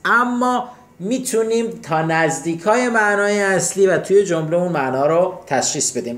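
A man with a fairly high, reverberant voice gives an English vocabulary lesson. He goes through each word step by step, posing questions and then answering them himself.

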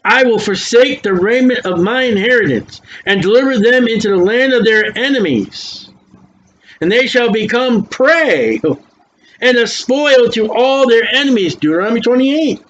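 A man's voice: very high voice, expressive, a bit bright. An older man preaching, reading scripture aloud with emphatic, folksy commentary, his s sounds whistling through dentures. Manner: emphatic, folksy asides between slowly read verses. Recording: dull lo-fi recording with faint noise.

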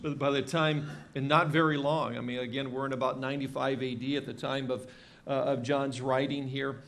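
A pastor in his fifties preaching a verse-by-verse sermon from a church lectern, conversational, with frequent pauses and restarts. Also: mid-range voice. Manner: conversational, many fillers and restarts. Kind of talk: expository sermon. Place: church stage with drum kit behind.

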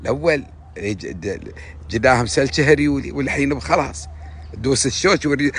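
A man with an Emirati accent talking casually to his audience, giving rambling, preachy advice that jumps up in pitch and loudness. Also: moderate pace, a little hiss or hum. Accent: Emirati Gulf Arabic. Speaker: social media host.

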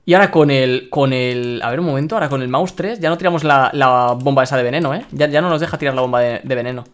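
A young man from Spain chatting excitedly while streaming a game and reading his chat aloud. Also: mid-range voice, quick pace. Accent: Spain Spanish. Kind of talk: live-streamed gameplay commentary.

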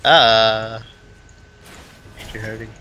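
A man's voice: lowish voice, fairly even intonation, extremely slow, sharp tone, rough recording. A young man chatting offhandedly during a game, swearing casually. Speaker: gamer, duo partner. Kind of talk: casual gaming chat.

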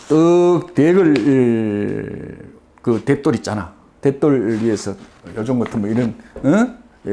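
A middle-aged man tells an old tale as a lecturer, in a Gyeongsang dialect accent. His pitch moves up and down in a lively way. He talks in a folksy manner, full of fillers. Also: creaky. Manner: animated, folksy retelling with many fillers. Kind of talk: storytelling lecture.

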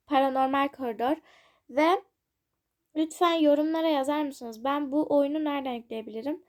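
Young female gaming channel host, high voice with some fry, casual chatter to viewers. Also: darkish tone. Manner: chatty, self-conscious, giggly asides to viewers. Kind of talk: casual gameplay commentary.

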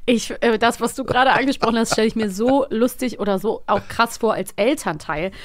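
A woman in her thirties co-hosts a casual podcast chat on a studio mic, her voice a little high and fairly quick. She's chatty and laughs often, sometimes trailing off mid-thought and losing her thread.

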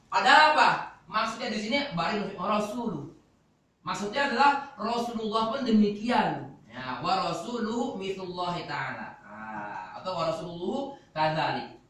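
A man's voice: high voice, sharp tone. A male Quran teacher giving a classroom lecture, explaining step by step and asking the class questions. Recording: echoey hall, voice from far off.

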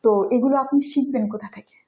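A woman whose first language is Bengali, teaching English pronunciation in a video lesson and saying example words slowly. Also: a little high, steady tone, warm tone, low-quality recording. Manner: explains step by step, demonstrates English words slowly.

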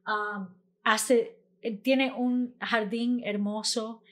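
Slow, hesitant woman hosting a podcast. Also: a little high, steady tone. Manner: hesitant, with fillers and mixes in English words. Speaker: podcast host. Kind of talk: casual podcast interview.

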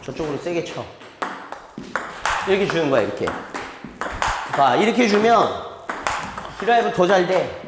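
A man's voice: sits high, big pitch swings, normal speed, pauses often, noisy background. A man teaching table tennis, talking animatedly and chuckling while he demonstrates strokes. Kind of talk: hands-on coaching demonstration. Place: large indoor table tennis hall. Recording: echoey hall with ball clicks behind.

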